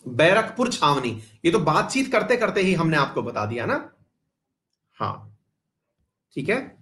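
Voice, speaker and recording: A man teaching a live online history class, chatty and often addressing his students warmly, mixing English terms into his talk. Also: fairly high pitch, big pitch swings, measured pace. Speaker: exam-prep teacher.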